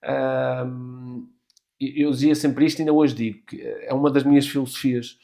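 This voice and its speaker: A middle-aged man from Portugal with a European Portuguese accent, chatting on a podcast. He talks animatedly, restarts his sentences often and swears freely. His voice sits at an ordinary middle pitch. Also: steady tone, moderate pace, creaky, warm tone. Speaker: podcast guest. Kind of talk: casual chat.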